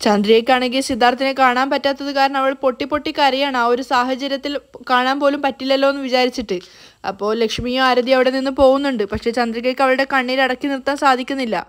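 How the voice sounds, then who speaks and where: Female recap narrator, high voice, plain storytelling delivery of a serial's scenes. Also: fairly even intonation, fast, clear, resonant tone. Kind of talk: retelling a TV serial episode.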